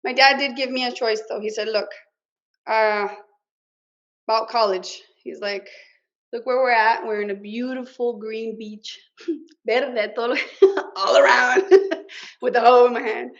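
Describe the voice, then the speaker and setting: A woman's voice: on the high side, measured pace, pauses often, lo-fi sound. A middle-aged woman from Mexico, raised in Nebraska, telling her personal story as an interview guest in an earnest, emotional way, with Spanish words mixed in. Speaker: interview guest, business owner.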